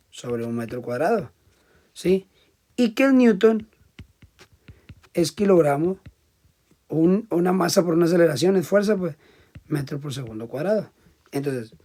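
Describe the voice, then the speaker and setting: A male teacher with a fairly high, husky voice gives a classroom lecture. He explains things step by step and often checks in with the class, his volume swinging from loud emphasis to quiet asides.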